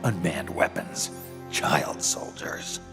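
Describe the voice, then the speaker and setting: Extremely deep, gravelly weary soldier. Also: male voice, huge pitch swings, music in the background, heavily acted. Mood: grim. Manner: terse, brooding, deliberate. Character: world-weary, terse veteran male soldier, skeptical and grim. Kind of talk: scripted video game dialogue.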